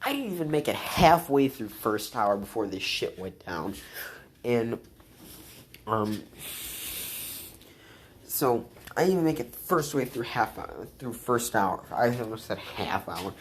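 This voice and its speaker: A woman's voice: extremely low pitch, sing-song, unhurried, pauses often, a little hiss or hum. A young woman telling a rambling, profane vlog story, full of restarts and fillers. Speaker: vlogger.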